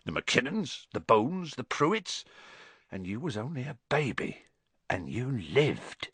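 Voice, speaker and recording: A man voicing a huge, kindly, bearded giant who talks roughly with dropped grammar, read as an audiobook character. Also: medium pitch, big pitch swings, slow pace, a bit bright, no echo, heavily acted. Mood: solemn.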